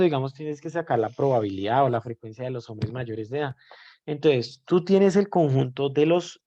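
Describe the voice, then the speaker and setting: A man's voice: mid-range voice, mellow, muffled recording. Man teaching a live online class. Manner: explanatory, checks in with students often. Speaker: math teacher.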